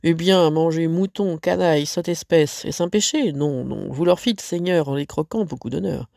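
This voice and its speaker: A teacher reading a fable aloud, voicing a sly fox who flatters the king. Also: mid-range voice, moderate pace, gravelly, dry recording, studio quality, lightly acted. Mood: flattering. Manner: fawning, flattering.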